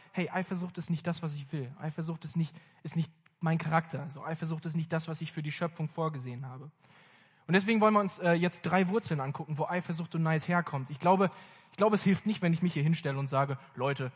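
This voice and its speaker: A young man preaching a sermon in a casual, lively way, speaking directly to his congregation. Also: a little high, breathy edge. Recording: long reverb of a hall.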